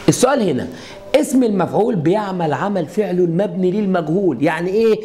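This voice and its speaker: His voice is high and a little mellow: a middle-aged man with an Egyptian accent leading a classroom lesson at a whiteboard. He teaches Arabic grammar step by step, leaning on repeated rhetorical questions to his students.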